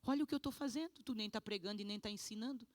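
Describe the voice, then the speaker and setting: A woman pastor voicing God as a gentle, fatherly figure, softly and tenderly. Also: on the high side, rapid-fire, dry recording, natural voice. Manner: soft, tender, quieter. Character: gentle fatherly God speaking to his daughter.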